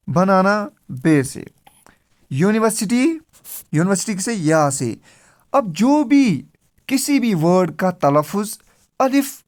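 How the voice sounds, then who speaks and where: A male teacher walks through a grammar lesson on slides. He poses questions to the class and answers them himself, going step by step and repeating the key words. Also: high voice. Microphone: screen recording with slides.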